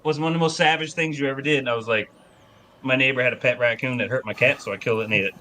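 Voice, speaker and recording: A man's voice: mid-range voice, very fast, bright, forceful tone. A man telling casual, folksy outdoor stories in a blunt, rambling anecdotal way. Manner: folksy hunting-yarn telling.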